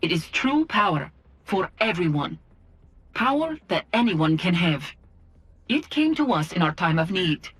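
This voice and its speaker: Husky, resolute military commander. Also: female voice, lowish voice, big pitch swings, a little slow, exaggerated voice. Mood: solemn conviction. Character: resolute military faction officer in a strategy game. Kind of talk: video game briefing acting.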